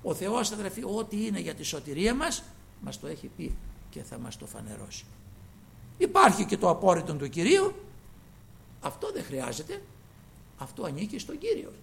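Fervent Greek preacher with a gravelly voice. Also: male voice, high-pitched, huge pitch swings, pauses often. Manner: fervent, swinging between loud exclamations and quiet asides; acts out quoted voices in his preaching. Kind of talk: sermon.

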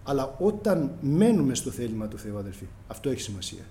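Impassioned preacher with a lively, rising voice. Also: male voice, mid-range voice, a little hiss or hum. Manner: impassioned, addresses the congregation as brothers, acts out prayers and dialogue. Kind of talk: sermon.

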